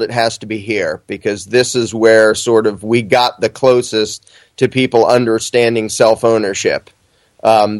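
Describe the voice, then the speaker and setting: A man's voice: medium pitch, dry recording. A man talking as an interview guest, conversational, plainspoken and blunt in his opinions.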